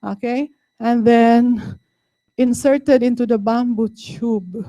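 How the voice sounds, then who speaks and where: Filipino woman lecturing, dark dry voice. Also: fairly high pitch, fairly even intonation, slow, no room sound. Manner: code-switching, explaining patiently with frequent "no?" and "okay?". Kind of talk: university lecture. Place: lecture room.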